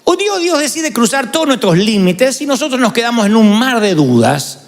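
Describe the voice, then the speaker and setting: A man preaching a sermon as pastor, lively and dramatic, acting out the voices of people he quotes. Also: very high-pitched, a little fast, in a large hall.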